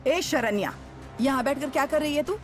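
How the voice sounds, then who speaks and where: A woman's voice: sits high, moderate pace, faint music behind, natural voice. An actress playing a strict village woman of the household who scolds.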